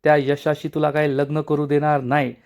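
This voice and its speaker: A man's voice: on the high side, little pitch movement, fairly quick, darkish tone, close to an everyday voice. A man doing a scolding village mother. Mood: angry. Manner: scolding, harsh. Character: angry strict middle-aged village mother.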